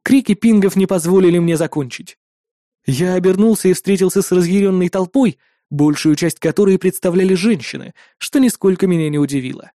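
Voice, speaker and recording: Mellow audiobook narrator. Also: medium pitch, a little fast, no echo, clean studio sound. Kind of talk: first-person fantasy audiobook narration.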